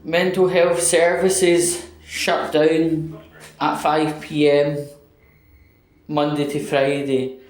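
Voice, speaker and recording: His voice fairly high and his tone level, a Scottish vlogger speaks extremely slowly in a casual walking monologue. He rambles to camera, using fillers and restarting sentences, as he crosses a train station and steps into a lift.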